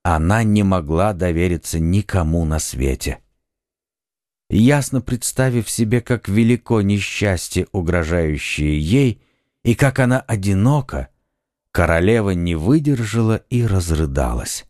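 A man reading a children's audiobook as narrator, in a measured storytelling manner. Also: low-pitched, lively intonation, a little mellow, no echo, studio quality.

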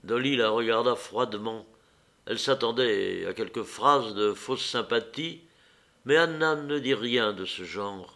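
Measured male audiobook narrator. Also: mid-range voice, bright, forceful tone. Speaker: audiobook reader.

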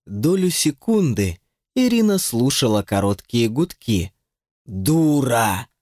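Male narrator for a novel audiobook: lively, expressive storytelling, dry studio sound. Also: mid-range voice, measured pace, no room sound. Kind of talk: scripted narration.

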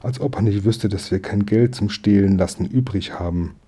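A man's voice: fairly low pitch, moderate pace, mellow, breathy edge. A man reading aloud and voicing an anxious, fretful mother who is a hairdresser, with flustered exclamations. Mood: scolding.

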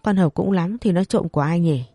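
A narrator voicing crude, swearing village patrolmen, raised a bit higher. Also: fast talker, mellow, breathy edge, dry recording, clean studio sound. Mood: mocking. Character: coarse rowdy village patrolmen, men.

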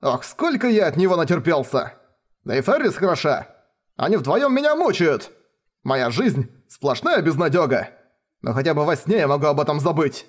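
Rainer: man reads a lazy, hot-headed young mage, yelps high and loud when pushed. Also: very animated, normal speed. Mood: complaining. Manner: shouting, exasperated outbursts.

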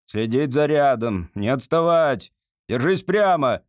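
An ill-tempered drill corporal, as a man voices him, barking commands and insults at raw recruits. His shouts jump up and down sharply. It is recorded close and dry. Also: mid-range voice, expressive, unhurried, dry recording, lightly acted.

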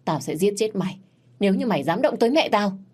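A woman's voice: lowish voice, normal speed, a little mellow, slightly rough. A woman voicing a tortured young prince in a read-aloud story, speaking in an earnest, pleading way. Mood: desperate. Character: tortured young prince, defiant then tender.

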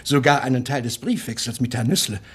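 A man's voice: mid-range voice, quick pace, fairly bright tone, breathy edge. A proud, pedantic older man. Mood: stubborn. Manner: pedantic, condescending. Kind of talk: 1960s radio play acting.

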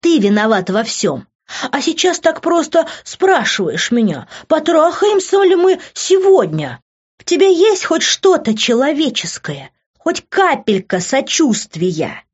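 Brief: reader doing a young woman yelling at her lover, shrill and raw, muffled audio. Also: lively intonation, slow. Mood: furious. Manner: shouting, high and strained. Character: young woman, furious and heartbroken.

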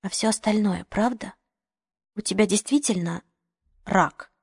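A woman's voice: mid-range voice, measured pace, creaky, breathy edge, no echo, studio quality. A woman reading the part of a young journalist who speaks urgently and firmly. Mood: probing. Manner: urgent, forceful. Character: determined young journalist woman, tense and defiant.

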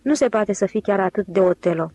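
A woman's voice: mid-range voice, mellow, no room sound, close to an everyday voice. A woman voicing a sweet, teasing young woman in an audiobook, lifting her voice for the part. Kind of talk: audiobook character reading.

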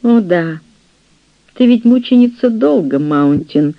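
Man doing an earnest proud young gentleman. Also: sits high, expressive, slow, no room sound, muffled recording, pitched above the performer's own voice, exaggerated voice. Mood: indignant.

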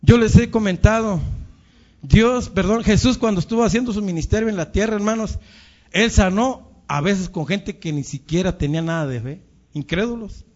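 A man's voice: high voice, normal speed, darkish tone. A man preaching a sermon and praying, fervent, often calling the listeners brothers. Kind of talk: sermon and prayer. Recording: dull lo-fi recording.

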